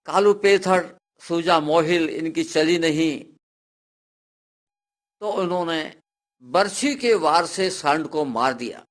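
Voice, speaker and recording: A man narrates a devotional folk tale in an unhurried, deliberate way. His voice rests somewhat high for a man. He builds the drama steadily and lets it break into loud, cried-out lines. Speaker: storyteller.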